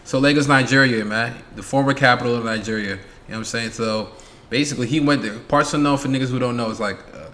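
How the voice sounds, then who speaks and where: A New York man co-hosts a casual podcast, talking fast in a mid-range voice. He's an animated storyteller who acts out what other people said, with heavy slang and plenty of swearing.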